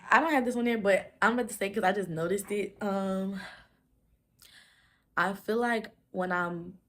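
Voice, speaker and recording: A woman in her twenties chatting casually to camera as a vlogger, talking fast in rambling runs, stumbling over words and leaning on fillers. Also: mid-range voice. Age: 20s. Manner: many "like" fillers.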